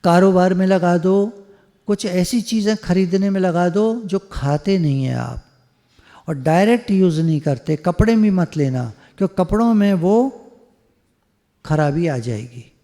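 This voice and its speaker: A man giving a devotional satsang talk in a high yet mellow voice, chatty and teasing, slipping English words into his speech. The sound carries a long hall reverb. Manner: conversational, joking, mixes English words. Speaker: spiritual speaker.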